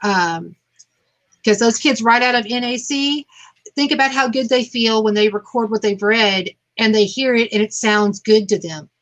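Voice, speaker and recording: A woman's voice: a little high, moderate pace, a bit bright, dull audio. A woman teacher adding points agreeably on a conference panel, with some fillers.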